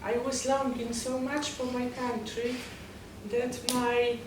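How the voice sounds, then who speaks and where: A woman with a strong echo around her speaks in halting English with a Polish accent, her voice fairly high. She gives a personal account as an interview guest, picked up from away from the mic. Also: flat delivery. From Poland. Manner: halting, non-native English phrasing. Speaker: guest, poet and novelist. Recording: very echoey, distant mic, noisy background.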